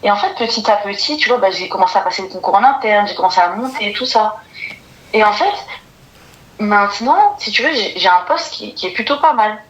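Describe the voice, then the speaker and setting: A woman's voice: medium pitch, lively intonation, a little fast. A woman telling her personal story on a live call, hesitant and repeating herself with many fillers. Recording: dull muffled call audio.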